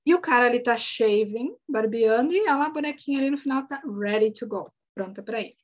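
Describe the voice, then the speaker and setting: High-voiced woman teaching English. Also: highs cut off. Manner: patient, explains slowly, spells words out. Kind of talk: recorded online lesson recap.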